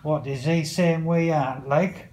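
A man's voice: a little high, steady tone, takes it slowly, a little mellow. A man talking casually in a home vlog outdoors by a pool, chatting to the camera and calling out to his dogs. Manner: chatty, swears mildly, calls out to dogs. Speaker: vlogger.

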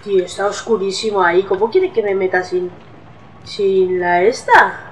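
A woman's voice: medium pitch, moderate pace, distant mic, slight background noise, low-quality recording. A woman with a Spain accent giving casual horror game commentary, swearing often and easily startled. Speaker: gameplay streamer.

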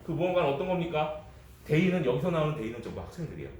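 A man teaches high school English in a lively, joking way, talking straight to his students. His voice rises and falls a lot and sits a little high for a man. He sounds set back from the mic, in an echoey classroom with a faint hum of room noise. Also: very fast, recorded from a distance. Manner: lively, jokey, addresses students directly. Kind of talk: classroom lecture.

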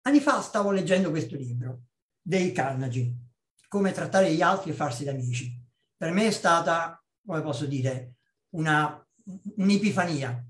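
A man in his fifties from Naples, a public speaking trainer giving a chatty webinar talk with personal stories, often checking in with a quick "ok?". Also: fairly high pitch, reverberant. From Naples, Italy. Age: 50s. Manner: lively, conversational, checks in with "ok?" and tosses in blunt asides. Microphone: video call.

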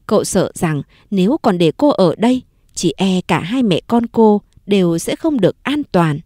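A woman's voice: medium pitch, normal speed, dry recording. Woman reading a story aloud, voice swoops up and down, acts out the lines, dry close mic. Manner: lively, acts out the characters' dialogue. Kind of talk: scripted audiobook narration.

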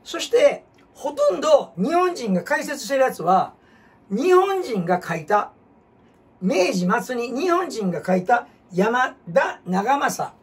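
A man with a Kansai accent, hosting a casual history talk as an animated storyteller who jumps between topics and asks rhetorical questions. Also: extremely high pitch, takes it slowly. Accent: Kansai Japanese. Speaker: host. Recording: husky voice from far off the mic.

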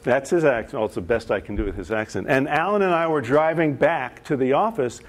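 A man's voice: mid-range voice, animated, brisk. A man presenting to an audience of executives. He tells stories in a conversational way and asks the room questions. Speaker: presenter and facilitator. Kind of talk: live business presentation.

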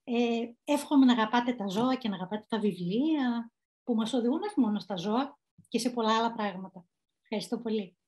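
A woman's voice: on the high side, darkish tone. A woman children's author telling anecdotes about her book, chatty with small hesitations.

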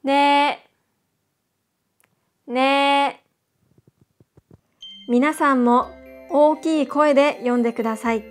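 A woman teaching a scripted beginner language lesson, drilling single syllables with slow, careful enunciation. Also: high voice, soft background music.

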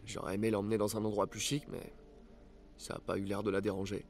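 A man's voice: on the low side, flat delivery, fast, a little mellow, lightly acted. A young man acting a friendly, awkward, wisecracking superhero in a French video game dub, earnest and natural. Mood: nostalgic. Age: young adult. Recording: game music behind.

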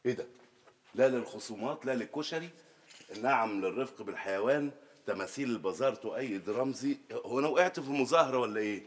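An actor with an Egyptian Arabic accent, playing an exasperated, sarcastic man of the house who mocks and shouts. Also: mid-range voice, lively intonation, slight background noise, close to an everyday voice. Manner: sarcastic, mocking, quick to shout. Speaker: sitcom character.

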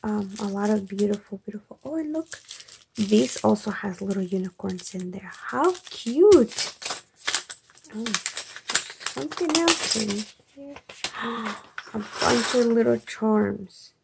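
Woman vlogger, hushed late-night chat, excited and gushing, very fry-heavy gravelly voice, faint hiss. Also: medium pitch, slow. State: speaking quietly late at night. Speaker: craft vlogger. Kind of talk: soft-spoken unboxing chat. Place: home at night.

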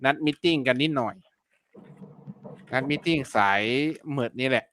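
Brief: man, live-stream teacher, bright forceful voice, chatty and repetitive with polite fillers. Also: medium pitch, moderate pace, a little hiss or hum. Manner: chatty, repeats words and fillers, polite particles. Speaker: online seller teaching keyword research. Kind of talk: casual live-stream lesson.

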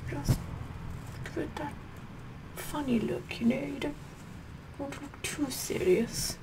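A woman's voice: high-pitched, slow, background noise. A middle-aged woman playing a sassy, vain, condescending Queen Elizabeth the First in a whispered ASMR roleplay, repeating her words imperiously. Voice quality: breathy whispering mixed with soft speech.

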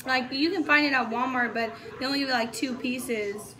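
High-voiced woman talking with her mouth full. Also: normal speed, sharp tone, rough recording. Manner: chatty, addresses viewers as y'all. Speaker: food vlogger. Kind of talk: casual taste-test chat.

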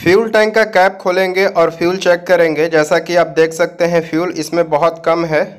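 Male repair host, high voice, plain step-by-step tutorial talk. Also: flat delivery, normal speed. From India. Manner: plain instructive talk, addresses viewers directly.

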